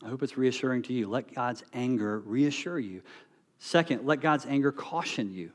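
A man preaching an earnest sermon, building to emphatic peaks and then dropping to quiet, soft phrases. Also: medium pitch, normal speed. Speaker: pastor.

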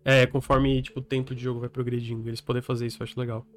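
A man chats loosely about games as a podcast co-host, circling his points with fillers and restarts. His mic is set too hot, so the voice clips and distorts, and faint music sits underneath. His pitch is about middle for a man. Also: level tone, rapid-fire. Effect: clipping, distorted mic from input set too loud. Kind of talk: casual gaming podcast chat.

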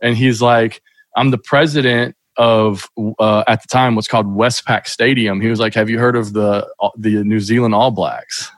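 A man's voice: fairly low pitch, steady tone, moderate pace, dry recording. A middle-aged man from Kentucky, a podcast guest telling stories in a casual, rambling way with many restarts. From Kentucky, USA. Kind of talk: casual interview storytelling.

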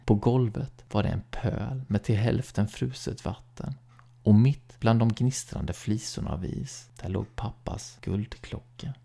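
Male horror-story reader, low and gravelly, measured, with a husky edge. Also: steady tone, warm tone. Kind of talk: scripted horror short-story reading.

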